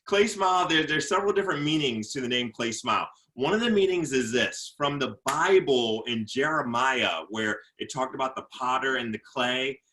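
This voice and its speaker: In a casual interview, a motivational speaker talks earnestly in an animated, bright, forceful way, often repeating words while collecting his thoughts. When the subject turns to faith, he slows down and drops lower.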